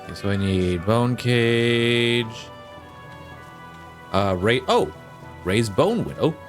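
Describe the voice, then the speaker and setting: A man's voice: mid-range voice, sing-song, slow. A man giving casual gameplay commentary, muttering and thinking aloud as he plays. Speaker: video game player. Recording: faint game music behind.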